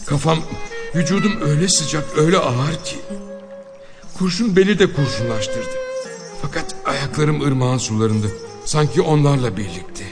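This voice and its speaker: A man voicing a dying outlaw, low and subdued. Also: moderate pace, long reverb tail, over music, close to an everyday voice. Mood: fading. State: dying from a gunshot. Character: mortally wounded male outlaw, defiant to the end.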